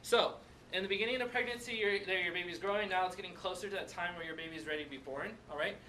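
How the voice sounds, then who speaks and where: A high-pitched man leads a lively classroom demonstration, constantly checking in with his students. He sounds distant from the microphone, with a noisy room behind him. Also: fast. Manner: animated, checks in with "right?" and "okay?". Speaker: teacher.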